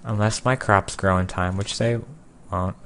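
Young male gamer, low voice, sarcastic running commentary, occasional loud outbursts. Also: fairly even intonation, unhurried, a little hiss or hum. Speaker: gameplay video creator. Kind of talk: casual gameplay commentary.

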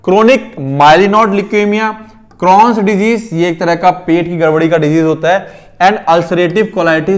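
Young indian guy teaching pharmacy chem, highish voice, counts atoms out loud, keeps asking ok?. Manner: reads English lines slowly, explains in quick Hindi asides; counts atoms aloud, checks with "ठीक है ना". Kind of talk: classroom lecture in Hindi mixed with English.

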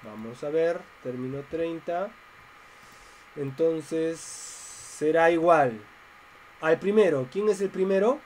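A man's voice: fairly high pitch, slow pace, long pauses, darkish tone, a little hiss or hum, low-quality recording. A man teaching a math class online, explaining step by step and asking his students questions.

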